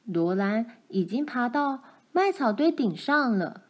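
A woman reading a children's storybook chapter aloud, gentle and expressive. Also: a little high, unhurried.

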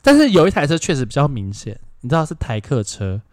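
A man's voice: mid-range voice, fast talker, no room sound, studio quality. A man with a Taiwanese Mandarin accent, co-hosting a podcast and telling a story in casual chat, acting out the voices in it. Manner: animated, acts out quoted dialogue, bursts of loud laughter. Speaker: podcast co-host.

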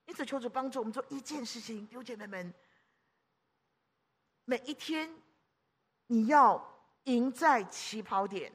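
Woman, preacher, fairly high voice, emphatic, loud declarations, hushed asides, rhetorical questions. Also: slightly rough. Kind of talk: lively sermon.

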